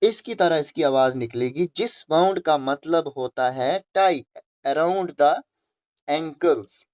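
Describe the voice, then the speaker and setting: Slow-paced male grammar teacher. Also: a little high, expressive. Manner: repetitive, checks with listeners, spells words letter by letter. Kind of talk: classroom lesson on pronunciation.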